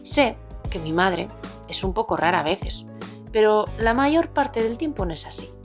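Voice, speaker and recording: A woman co-hosting a parenting podcast, reading a children's story aloud with lively, expressive voices for the characters. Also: mid-range voice, moderate pace. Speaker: podcast co-host. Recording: music playing faintly behind.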